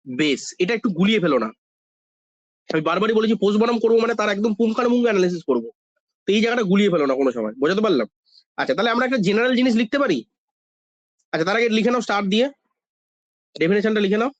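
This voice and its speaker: A man's voice: high voice, lively intonation, racing, long pauses, dry recording, dull audio. A man teaching an online maths class, coaxing students and answering his own questions. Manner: coaxing, calls students "baba", asks questions and answers them himself.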